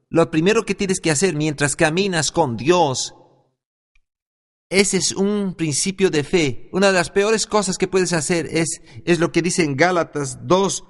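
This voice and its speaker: High-voiced preacher in a reverberant hall. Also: male voice. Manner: earnest, halting with restarts, rises to loud emphatic peaks. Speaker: Bible school teacher. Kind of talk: preaching class with storytelling.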